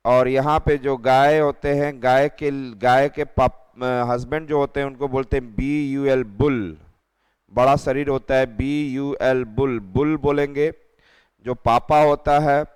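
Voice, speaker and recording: A man's voice: mid-range voice, fairly even intonation, takes it slowly, darkish tone, clear, resonant tone, in a large hall. A man teaching children, spelling English words letter by letter and repeating them.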